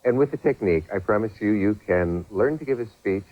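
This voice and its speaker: A man's voice: fairly low pitch, animated, a little fast. A man interviewing a guest as an infomercial host. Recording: dull 1990s TV audio.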